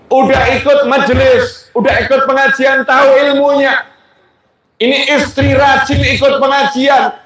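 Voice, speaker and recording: A man's voice: extremely high pitch, a bit bright. A man with a Javanese accent giving a jokey sermon, teasing his congregation with questions. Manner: jokey, keeps asking the audience questions. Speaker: preacher. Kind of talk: humorous sermon to a live congregation. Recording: very echoey hall.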